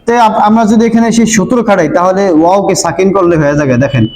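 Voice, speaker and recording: A man's voice: high-pitched, lively intonation, fast, a little mellow, slight background noise. A man teaching an Arabic grammar lesson at a board, patiently repeating points and often checking that his listeners understand. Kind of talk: board lesson explaining Arabic verb forms. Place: room with a board. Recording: echoey room with long reverb.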